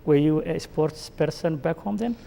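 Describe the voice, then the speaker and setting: A male host interviews his guests, asking questions and adding short acknowledgements. His voice is fairly high and mellow. A long reverb trails behind it. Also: normal speed, vocal fry. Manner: asks friendly questions with short backchannels. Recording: reverberant room.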